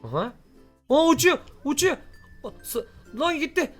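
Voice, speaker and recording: A man's voice: very high-pitched, big pitch swings, normal speed, fairly bright tone, soft background music. A man hosting Minecraft role-play commentary in an exclamatory way, urgently repeating his phrases. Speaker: host of a gaming channel.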